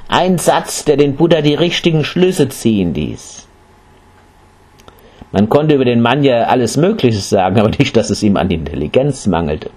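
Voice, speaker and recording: A man reads a story aloud with expressive, dramatic delivery. His voice is low and husky, and his pitch swings widely as he builds each scene. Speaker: narrator. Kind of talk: scripted storytelling reading.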